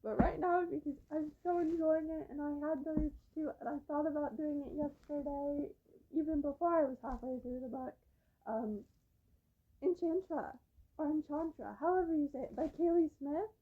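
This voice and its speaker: Casting: young woman, high voice, rambling book vlogger, phone-recorded. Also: steady tone, fairly quick, phone-quality sound. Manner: chatty, rambling, lots of "like" and "um". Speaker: book reviewer. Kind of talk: casual book review vlog. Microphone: phone camera.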